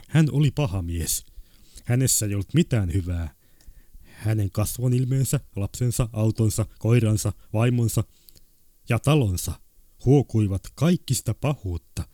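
A man's voice: on the low side, mellow, dry recording, studio quality. A man reading short stories aloud in a terse, clipped, matter-of-fact way. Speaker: story reader.

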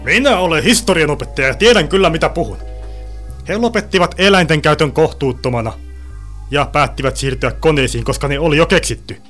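A man's voice: mid-range voice, breathy edge, faint music behind, close to an everyday voice. A man voicing an irritable male history teacher who lectures and scolds his class in a storybook reading. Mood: indignant.

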